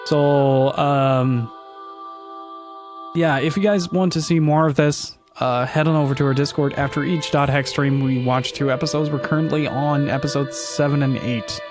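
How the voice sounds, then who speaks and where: A man's voice: fairly high pitch, fairly even intonation, normal speed. Casual male game streamer over music. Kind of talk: casual live-stream commentary.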